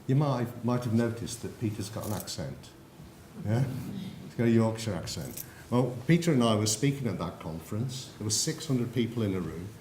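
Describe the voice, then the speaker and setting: An English man delivers a presentation in a lecture hall, turning to the audience with questions and stories. His voice sits a little low, and the room rings with echo under a faint hiss. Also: expressive, normal speed, a little mellow. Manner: anecdotal, addresses the audience directly. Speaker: conference speaker.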